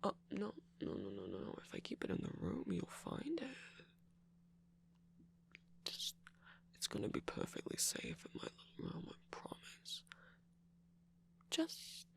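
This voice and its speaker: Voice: mid-range voice, huge pitch swings, a little slow, creaky, long pauses, fairly bright tone, full character voice. A performer voicing a teasing, manipulative male cookie trickster in a whispered ASMR roleplay, with a mocking, prodding manner.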